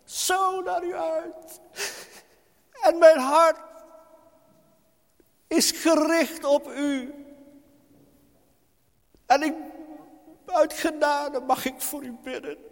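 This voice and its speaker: A man's voice: extremely high pitch, steady tone, very slow, gravelly, long pauses. A man preaching a sermon to his congregation, impassioned and crying out pleas to God, recorded in a church hall. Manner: repeatedly addresses the congregation. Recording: reverberant hall.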